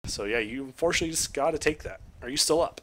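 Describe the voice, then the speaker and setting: A man's voice: medium pitch, fast talker, fairly bright tone. A man acting as game master, casually narrating a tabletop role-playing game and calling turns.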